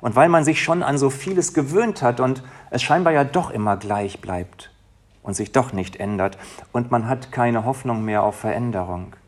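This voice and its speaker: A man delivers a sermon with a husky, breathy edge to his voice. He speaks as a pastor addressing his congregation, moving from hushed, intimate phrases to emphatic, rising appeals. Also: mid-range voice, normal speed. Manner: emotional, dynamic, swings from soft to emphatic.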